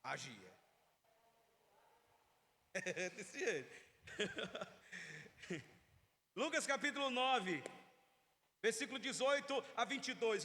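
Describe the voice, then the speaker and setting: High-voiced Brazilian preacher in echoing church. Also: male voice, pushed and bright. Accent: Brazilian Portuguese. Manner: emphatic, asks the congregation questions. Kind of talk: teaching sermon. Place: church sanctuary. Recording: long reverb of a church hall.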